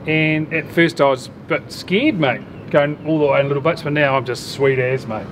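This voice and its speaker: A middle-aged man chats informally and slangily as a host interviewing someone. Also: normal speed. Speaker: host and boat owner. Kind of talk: casual chatty interview. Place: outdoors in a yard beside a metal boat. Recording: outdoor noise with vehicle rumble.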